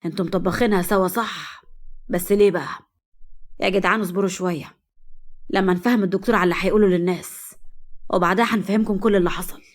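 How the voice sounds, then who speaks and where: A woman's voice: mid-range voice, steady tone, fast, pauses often, natural voice. A woman voicing an irritated young man with an Egyptian accent, exasperated. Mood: annoyed. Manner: annoyed, exasperated.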